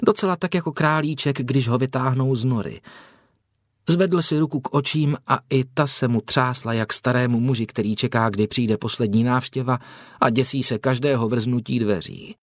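A male narrator reads a historical novel in a measured, expressive storytelling voice at an average pitch. The studio sound is bone-dry and close. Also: no room sound. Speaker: audiobook narrator. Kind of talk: scripted audiobook narration. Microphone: close studio mic.

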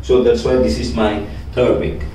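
A man's voice: medium pitch, little pitch movement, normal speed, warm tone, a little hiss or hum. A young man, a fitness trainer presenting home gym picks with many fillers like "guys, like", recorded in a small room. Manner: filler-heavy, says "guys, like". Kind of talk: equipment walkthrough. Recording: echoey room, distant from mic.

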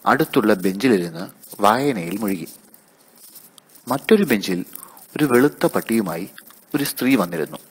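A man narrating a children's story in a measured, calm reading voice. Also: fairly low pitch, husky.

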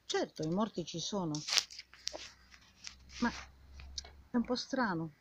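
An older woman with a husky old woman's voice delivers an indignant, scolding monologue straight at the listener, full of rhetorical questions and repeated phrases. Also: mid-range voice, expressive, slow, very noisy. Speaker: vlogger. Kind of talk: impassioned informal monologue addressed to the viewer. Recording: dull lo-fi sound.

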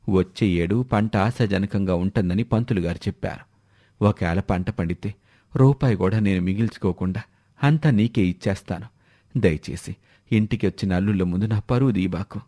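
A poor old village father with a lowered, soft voice, as a male narrator plays him. He speaks slowly and humbly, pleading. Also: no room sound, clean studio sound, lightly acted. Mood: humble.

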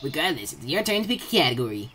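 Woman, low lively voice, excitable gameplay commentary, blurting delivery, noisy room. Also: quick pace. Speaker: gamer recording gameplay. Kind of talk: excitable gameplay commentary, reading game dialogue aloud.

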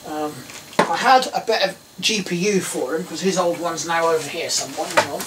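Hosting a DIY electronics video from a small indoor workroom, a middle-aged man from England gives a loose, hands-on tutorial, rambling and thinking aloud. His voice is a little high and he speaks at a moderate pace. The recording uses a distant mic and has some background noise.

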